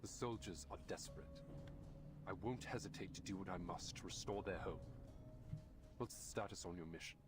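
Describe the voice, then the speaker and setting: A man's voice: deep voice, moderate pace, long pauses, close to an everyday voice. An actor playing a resolute, stern male military commander in a video game, speaking formally and firmly. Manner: formal, firm, clipped. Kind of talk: dramatic video game voice acting. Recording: game dialogue over music.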